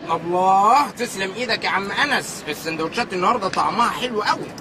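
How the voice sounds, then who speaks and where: A man's voice: high-pitched, fast, background noise, close to an everyday voice. An actor with an Egyptian accent playing an earnest, bookish young history teacher who lectures eagerly and coaxes his fiancée. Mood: lecturing. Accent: Egyptian Arabic. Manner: lectures eagerly, coaxing and pleading.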